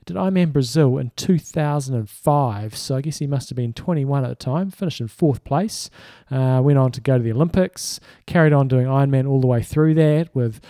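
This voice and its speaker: A man's voice: medium pitch, fairly quick, few pauses, mellow, no echo, clean studio sound. A man co-hosting a sports podcast in casual chat, with an informal, matter-of-fact way of talking. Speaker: podcast co-host.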